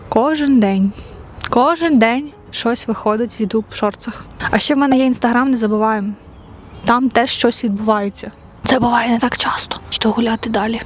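A young woman from Ukraine talks playfully straight to her handheld camera in a casual vlog. Her voice sits a little high. A faint hiss of background noise stays under her talk. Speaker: vlogger. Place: outdoors in a park, then at home.

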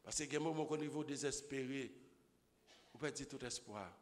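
A man preaching a sermon as pastor, swinging from low murmurs to shouted exclamations. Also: a little slow. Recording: echoey hall with long reverb.

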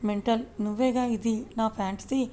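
A woman storyteller voicing a teasing, gruff young husband in an audio story. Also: on the high side, fairly even intonation, fairly quick, mellow, lightly acted. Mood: teasing scold. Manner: scolding, teasing.

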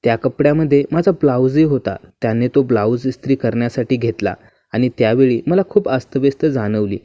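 A man reads a first-person story aloud in a smooth, even and unhurried manner. His voice is mellow and dark, at a medium pitch. The recording is dry and slightly muffled. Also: no echo.

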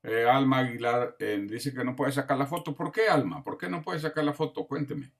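A man's voice: mid-range voice, lively intonation, moderate pace. A man teaching an online grammar class, patiently listing words one by one and checking in with his students. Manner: patient, lists words one by one, often asks "¿verdad?". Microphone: video call.

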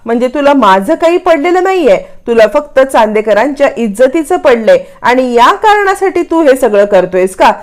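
Woman voicing a young wife, indignant and pushing back, high-pitched. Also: animated, moderate pace, hardly any pauses. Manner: indignant, pleading. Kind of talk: retelling a TV serial plot.

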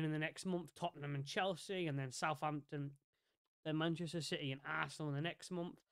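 A man's voice: on the high side, smooth, no room sound, clean studio sound. A young man giving casual, rambling commentary on his management game, often restarting and correcting himself. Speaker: gaming YouTuber.

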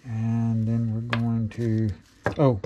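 A man's voice: medium pitch, monotone, slow pace, highs cut off, noisy background. A middle-aged man explaining a homemade build in a casual workshop how-to, plainspoken with many fillers. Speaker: DIY maker showing a build. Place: cluttered home workshop.

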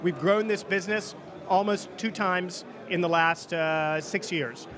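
High-voiced man, measured. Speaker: company executive interviewee. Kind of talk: interview answers. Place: indoor reception event at a hangar. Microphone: handheld interview microphone. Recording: busy event crowd chatter behind.

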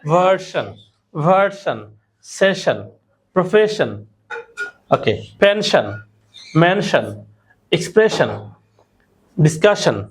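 A woman's voice: on the low side, animated, takes it slowly, pauses often, slightly rough. A woman teacher giving a classroom pronunciation lesson, quizzing her students with repeated questions. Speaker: English teacher.

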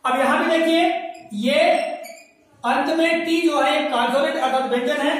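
Woman teacher, high voice, patient and step-by-step, recorded from a distance in an echoey room. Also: steady tone, normal speed. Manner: patient, spells words letter by letter, checks understanding often. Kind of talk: classroom lesson. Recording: echoey room, mic far off.

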